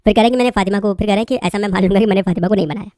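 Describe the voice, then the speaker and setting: A woman commentator reads social media posts aloud and chats about them, speaking straight to her viewers and calling them "brother." Her mid-range voice is steady and dark in tone, delivered very fast, in studio-quality audio with no echo.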